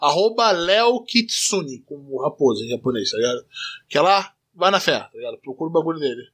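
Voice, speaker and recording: A Brazilian man with a rather high voice that has a smoky, smoker's tone. He talks like a podcast co-host among friends, loose and animated, full of slang and swearing. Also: a little fast, breathy edge.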